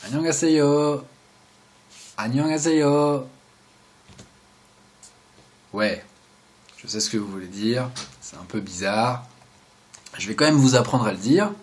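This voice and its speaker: A young man giving a casual, joking video lesson, explaining step by step and often trailing off into quiet asides. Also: fairly low pitch, normal speed, long pauses. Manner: chatty, joking asides, drops to quiet mumbles. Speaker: video host teaching sign basics.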